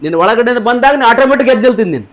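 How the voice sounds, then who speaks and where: A pastor preaching in a church, quizzing the congregation and repeating their answers, with frequent hallelujahs. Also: male voice, very high-pitched, lively intonation, rapid-fire. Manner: punctuates points with hallelujah. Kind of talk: sermon. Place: church service.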